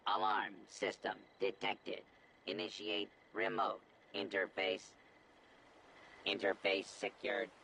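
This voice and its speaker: A flat, gravelly robot booting up. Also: male voice, deep voice, takes it slowly, a little hiss or hum, exaggerated voice. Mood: flat, robotic. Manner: monotone announcements of system status. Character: male security robot, flat and dutiful. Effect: robotic voice filter.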